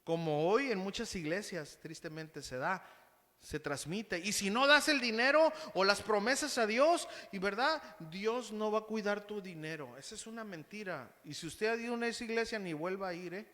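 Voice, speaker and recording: Mexican pastor preaching in a reverberant hall. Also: male voice, sits high, bright, forceful tone. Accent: Mexican Spanish. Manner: conversational, addresses congregation as brothers; uses quick acted quotes of others. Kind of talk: sermon. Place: church hall.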